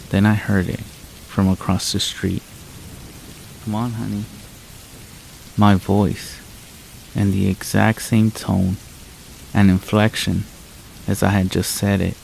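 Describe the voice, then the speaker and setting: Man, horror story narrator, very deep voice, monotone, scripted reading, soft rain behind. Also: gravelly, slight background noise, rough recording. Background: rain sounds.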